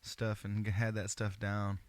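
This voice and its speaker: A man's voice: fairly low pitch, completely flat delivery, a little slow, no room sound. A man hosting a casual call, talking in a laid-back, earnest, slangy way with the odd swear word. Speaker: host. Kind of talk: casual phone chat.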